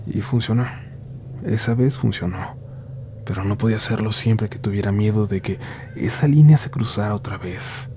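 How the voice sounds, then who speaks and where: A Mexican man hosting and narrating scripted horror stories in Spanish with a Mexican accent, in a grave, suspenseful, hushed manner with dramatic pauses. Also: lowish voice, a little hiss or hum. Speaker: horror story podcast host and narrator.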